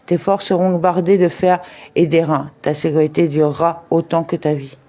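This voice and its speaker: A man reading a religious commentary aloud in a measured way, working in Hebrew terms and verse references. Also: fairly high pitch, little pitch movement, warm tone. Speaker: reader of a daily study text.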